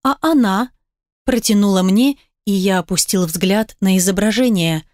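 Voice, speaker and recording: A woman narrating a romance novel in an even, measured reading. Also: medium pitch, no echo, studio quality. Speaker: audiobook reader. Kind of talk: scripted narration.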